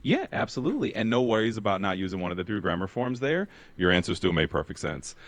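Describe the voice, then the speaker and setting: Encouraging guy tutoring, lowish voice, super animated intonation, really dry close sound. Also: fast, dry recording. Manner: encouraging, affirming. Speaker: language tutor. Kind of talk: conversational tutoring.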